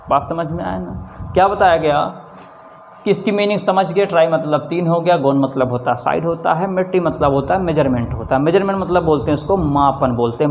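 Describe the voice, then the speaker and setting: A male maths teacher with a north Indian Hindi accent and a slightly high voice. He keeps asking his class questions, answers each one himself and adds a checking "theek hai" again and again. A faint hiss of noise sits under the recording. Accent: Hindi-speaking north Indian. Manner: repeats rhetorical questions and answers them himself; often adds a checking 'theek hai'. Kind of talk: classroom lesson.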